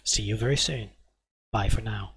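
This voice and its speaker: A man hosting a flight simulator video, explaining calmly in pilot terms, his volume uneven and his microphone cutting out now and then. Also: lowish voice, normal speed. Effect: uneven volume, mic cutting out now and then. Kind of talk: narrated flight simulator walkthrough. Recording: loud background hum and noise.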